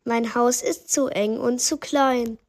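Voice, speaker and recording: A woman's voice: a little high, fairly even intonation, slow. A woman voicing a frantic old grandmother who cries out in rhyme. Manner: loud rhyming outbursts. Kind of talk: rhyming story reading.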